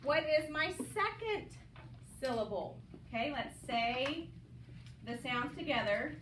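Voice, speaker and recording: A woman's voice: sits high, animated, slow. A woman teacher leading a classroom phonics lesson, upbeat and coaxing as she calls on students by name. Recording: roomy, distant mic, audible noise.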